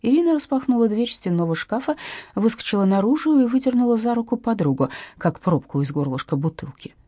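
Husky woman narrating an audiobook. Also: fairly high pitch, brisk, no room sound. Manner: lively, expressive reading.

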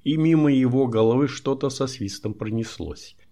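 Man, audiobook narration, measured, even, mid-pitched. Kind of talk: scripted narration.

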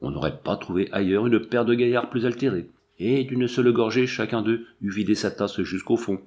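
A man reading an adventure novel aloud in a steady storytelling delivery. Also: fairly low pitch, normal speed. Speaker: audiobook narrator. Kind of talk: scripted narration.

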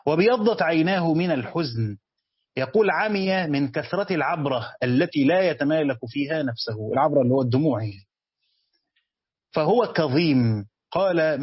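Reading from a religious text and then explaining it in everyday speech, an Egyptian-accented man hesitates often as he teaches the commentary. His voice is on the high side with a breathy edge. There is no echo, and the highs are cut off.

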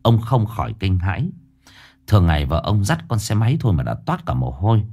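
A man narrating a ghost story in a dramatic, expressive way. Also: sits low, a little hiss or hum.

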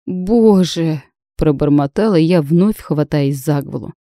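A woman reading a novel aloud in measured first-person narration. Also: low voice, warm tone, no room sound, clean studio sound. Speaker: audiobook narrator.

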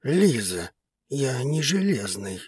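A woman's voice: very animated, slightly rough, no room sound, full character voice. A woman voicing a tender, devoted male dragon lover. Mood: pleading. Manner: low, slow, hushed and pleading. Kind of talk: audiobook character reading.

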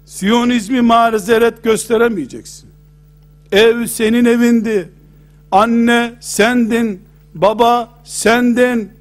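High-pitched man preaching. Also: vocal fry. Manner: emphatic, rhetorical questions, retells hadith stories. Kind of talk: sermon lecture.

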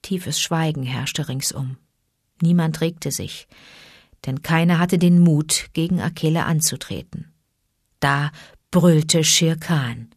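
Calm woman audiobook narrator. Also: low-pitched, a little slow, breathy edge, no room sound, clean studio sound. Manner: calm, even storytelling. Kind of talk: scripted narration of a classic story.

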